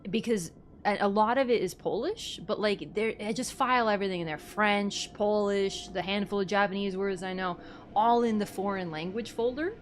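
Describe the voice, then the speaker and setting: A young woman from Canada chatting on a live stream, rambling, giggly and quick to apologize. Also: mid-range voice, a little hiss or hum. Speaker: livestreamer. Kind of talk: casual live-stream chat.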